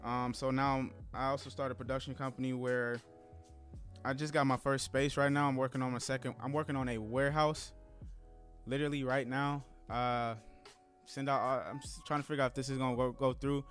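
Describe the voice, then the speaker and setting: A man's voice: medium pitch, level tone, brisk, fairly bright tone, faint music behind. A man who has just turned thirty, chatting casually with viewers during a live trading stream in a laid-back, rambling way. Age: 30s.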